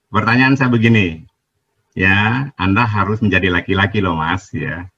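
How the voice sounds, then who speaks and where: A man's voice: sits low, normal speed, sharp tone, breathy edge, highs cut off. A man in a heated live debate, insistent, repeating himself to get a word in. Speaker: debater in a live online argument.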